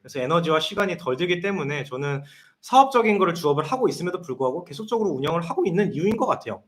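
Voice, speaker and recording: A man's voice: on the high side, fairly bright tone. A man in his thirties, a consultant answering viewer questions on a live stream in an explanatory way. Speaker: guest consultant.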